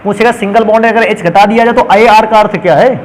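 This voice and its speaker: A man's voice: high-pitched, fairly even intonation, fast, low-quality recording. A man teaching a chemistry lesson who keeps asking his students questions and answering them himself, speaking. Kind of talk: classroom lecture.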